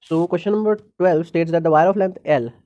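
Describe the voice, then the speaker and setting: Higher-voiced man thinking out loud, dull recording. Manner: thinking out loud, working step by step; halting, with pauses and self-corrections. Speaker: tutor solving exam practice problems. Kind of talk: unscripted problem-solving lesson. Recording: dull lo-fi microphone.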